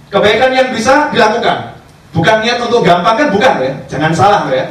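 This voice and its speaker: A man, a religious teacher telling stories in a sermon, acting out dialogue in lively voices. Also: sits high, a little fast. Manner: animated storyteller acting out dialogue. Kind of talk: sermon storytelling. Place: cafe gathering. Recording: echoey distant room recording, faint background noise.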